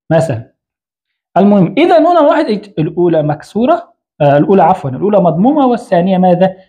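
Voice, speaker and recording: This man's voice sits high and sounds mellow as he teaches Arabic grammar in an online lesson. Writing on a board while explaining, he questions the learner, supplies the answer himself, and often corrects his slips.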